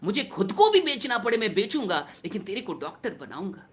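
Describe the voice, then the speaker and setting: A man's voice: high voice, sing-song, fairly quick, a bit bright. A poor but devoted father speaks with fervent emotion, as a man telling the story voices him. His words are heartfelt and determined. The voice stays near the storyteller's own.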